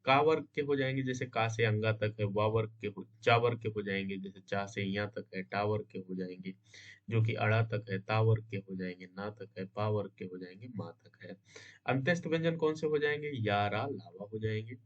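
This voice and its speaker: A man's voice: fairly low pitch, fairly even intonation, moderate pace. A man teaching an exam-prep grammar lesson, asking himself questions and answering them, often checking in with his students. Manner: checks in with "है ना?" and "समझे?". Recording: dull lo-fi sound.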